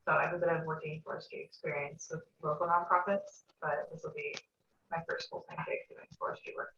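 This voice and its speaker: A woman's voice: sits low, flat delivery, fairly quick, a bit bright. A young woman briefly introducing herself on a video call, plain and matter-of-fact. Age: young adult. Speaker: new forestry fellow. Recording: echoey lo-fi call with faint hiss.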